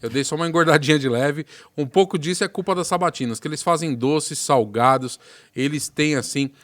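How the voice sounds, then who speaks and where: A man's voice: fairly high pitch, a little fast, fairly bright tone. Upbeat male podcast host. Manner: upbeat, promotional, presenter-like. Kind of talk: podcast hosting with sponsor reads.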